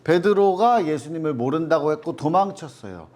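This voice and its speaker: Man, children's Bible lesson, fairly high voice, lively swinging pitch, acts out quotes, asks kids questions. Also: normal speed. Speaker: children's ministry teacher.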